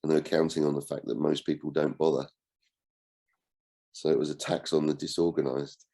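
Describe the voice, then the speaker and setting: A man with a cold and a croaky voice, hosting an online book discussion in a relaxed way and asking his group questions. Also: rumbling low, moderate pace. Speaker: book club host and coach.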